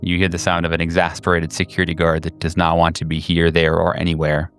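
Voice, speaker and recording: A man improvising tabletop game narration as game master, halting as he searches for words. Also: low voice, monotone. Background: soft music.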